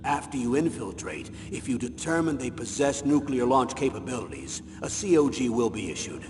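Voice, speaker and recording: An actor playing a grave military colonel in a video game, delivering a commanding briefing. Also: male voice, medium pitch, animated, moderate pace, natural voice. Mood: firm, matter-of-fact. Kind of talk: scripted video game voice acting. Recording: echoey hall, noisy ambience.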